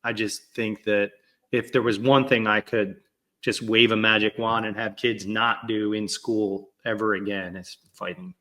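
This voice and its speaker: A man's voice: fairly low pitch, level tone, measured pace, pushed and bright. A man who is a school leader and podcast co-host, speaking in a thoughtful, casual way. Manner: thoughtful, many fillers and restarts. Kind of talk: casual reflective chat.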